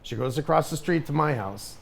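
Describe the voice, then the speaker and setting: A man's voice: a little high, brisk, creaky, husky. Emphatic middle-aged man telling a story. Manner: animated, emphatic, repeats himself. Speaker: podcast host. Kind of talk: casual storytelling chat.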